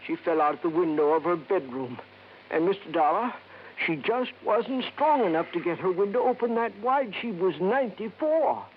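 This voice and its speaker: An actor's high, lively voice at normal speed portrays a wizened old American man in a wheelchair who is folksy and insistent, grave and troubled, with clipped, hesitant phrasing. It is done in 1950s radio drama style, on an old recording that sounds dull and noisy.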